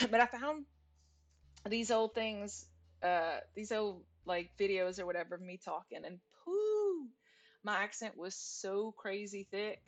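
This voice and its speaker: A woman's voice: mid-range voice, lively intonation, takes it slowly, pushed and bright. A woman in her forties from Louisiana with a Cajun accent, rambling and self-interrupting as she writes and talks on a casual livestream. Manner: chatty, rambling, self-interrupting, laughs easily. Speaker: author and livestreamer. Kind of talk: casual think-aloud livestream. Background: faint music and keyboard typing.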